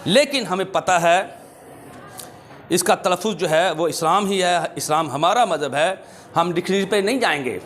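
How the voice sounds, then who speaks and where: A man with a Pakistani accent teaching a school English lesson, repeating each phrase slowly and reading English lines deliberately. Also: a little high, a bit bright. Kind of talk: exam-prep lesson for schoolchildren.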